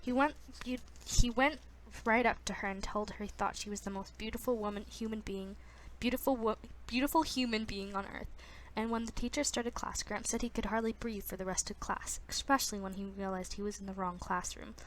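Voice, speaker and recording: A woman's voice: mid-range voice, steady tone, brisk, few pauses, fairly bright tone, slight background noise. A woman casually reading a novel aloud, stumbling, restarting and breaking off with self-conscious asides. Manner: frequent restarts. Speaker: reader.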